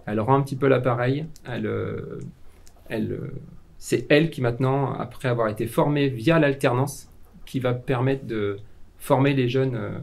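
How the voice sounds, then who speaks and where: A man's voice: medium pitch, moderate pace, gravelly. A French man presenting vocational training programs, speaking with many fillers and restarts. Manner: hesitant, frequent fillers and restarts. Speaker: vocational school staff member.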